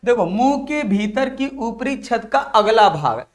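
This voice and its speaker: This is a man with a high voice and a Bihari Hindi accent, teaching grammar for an exam. He keeps putting the same question to the class and then answers it himself, calling his viewers dear children. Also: animated, unhurried. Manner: drills students with repeated questions and answers. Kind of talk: exam-prep lesson.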